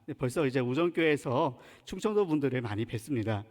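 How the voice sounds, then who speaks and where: A male pastor from Chungcheong, South Korea, preaches a sermon with a Chungcheong Korean accent, earnest and emphatic. His voice is medium-pitched, animated and quick. The recording carries the long reverb of the church sanctuary where he speaks.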